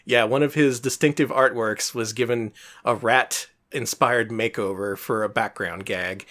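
A man's voice: mid-range voice, fairly even intonation, fairly bright tone. Wry jokey man hosting a podcast. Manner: jokey, wry, quick asides. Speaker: podcast co-host. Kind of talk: casual podcast chat.

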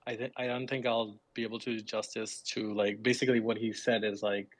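A man's voice: on the low side, flat delivery, brisk, dry recording. Guy, kinda hesitant, modest, dry close sound. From Pakistan. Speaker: guest, software engineer. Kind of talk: casual interview talk.

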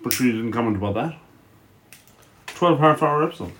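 Male co-host, Irish accent, animated mid-range voice, casual banter, slight background noise. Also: mid-range voice, normal speed. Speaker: podcast co-host.

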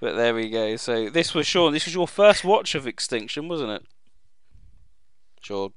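A man's voice: mid-range voice, lively intonation, unhurried, fairly bright tone, clear, resonant tone, dry recording. A man hosting a casual group chat, talking informally and jokily into a close microphone. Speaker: quiz host and podcast panellist.

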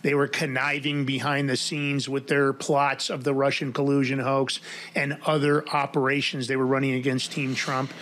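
A man's voice: mid-range voice, normal speed. A man hosting a political talk show, chatting casually and laughing as he reads headlines. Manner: animated, laughs while reading. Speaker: podcast host.

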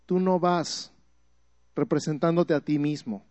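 Man preaching, fairly high voice, dry close sound, emphatic repetitions, questions to the listeners. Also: measured pace, darkish tone, dry recording. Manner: teaching, asks the listeners direct questions. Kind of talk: sermon.

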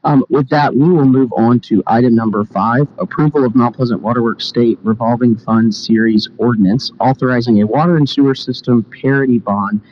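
A man's voice: medium pitch, fairly even intonation, brisk, few pauses. A man speaking as a committee chairman, running through formal meeting business in a conversational way. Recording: dull lo-fi meeting-room audio.

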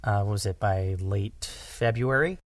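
A man with a lowish voice speaks a little slowly and without echo as an audio drama writer-director being interviewed as a podcast guest. He talks casually, often repeating words and correcting himself mid-thought.

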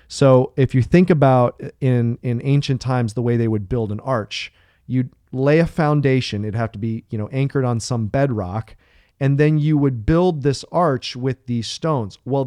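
A man's voice: medium pitch, a little mellow, no echo, studio quality. A man co-hosting a podcast, explaining ideas earnestly and thinking aloud with restarts and fillers. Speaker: podcast co-host. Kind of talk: casual podcast discussion.

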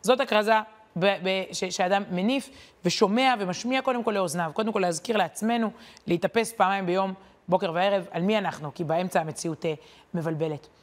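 Her weekly Torah lesson comes across as animated and conversational; the woman teaching it has a medium-pitched voice and pauses often on fillers like "um."

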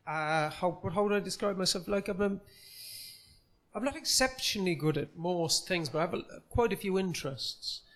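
A man's voice: high-pitched, normal speed, fairly bright tone. A man in his forties from Cork with a Cork Irish accent, a comedian guest chatting on a podcast, earnest and self-deprecating. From Ireland, Cork City. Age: 40s. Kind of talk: casual podcast chat. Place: comedy club recorded live.

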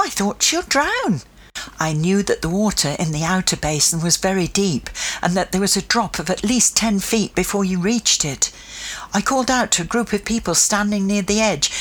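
Woman narrator, breathy low voice, very lively intonation, children's storybook reading. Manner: expressive first-person reading.

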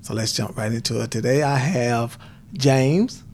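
A male podcast host with a gravelly, mid-range voice who opens with reflective rhetorical questions. He interviews his guests in a casual, conversational way. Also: mid-range voice, unhurried, a little mellow, slight background noise.

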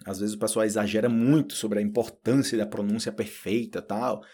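A man giving an informal lesson, lively and fond of acting out learners and slowly repeating practice phrases. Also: fairly low pitch. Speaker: Portuguese teacher.

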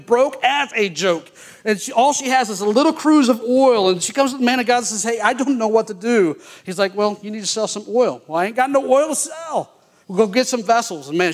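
A man preaching a sermon, telling Bible stories in a folksy, animated way with playful asides. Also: high voice. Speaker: pastor.

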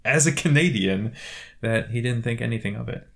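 A man's voice: medium pitch, animated, moderate pace, creaky, fairly bright tone. A man co-hosting a casual tech chat, joking and easygoing, with lots of ums. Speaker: podcast co-host.

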